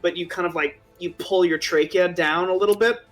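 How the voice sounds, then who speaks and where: A young man as game master, narrating a tabletop game in an animated, casual way. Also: sits high, brisk, faint music behind.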